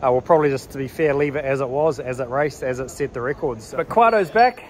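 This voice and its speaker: A race car driver vlogs into a phone held at arm's length, narrating in an informal, exclamatory, slangy way as he moves outdoors, through a vehicle and into a large exhibition hall. His medium-pitched voice is quick, with a little hiss or hum, and music plays behind him.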